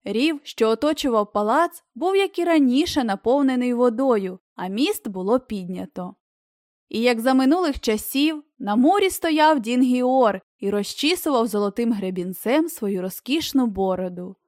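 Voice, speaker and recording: Female audiobook narrator, higher voice, steady fairy-tale reading, dry close mic. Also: normal speed, no room sound. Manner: even storytelling reading. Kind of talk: scripted narration.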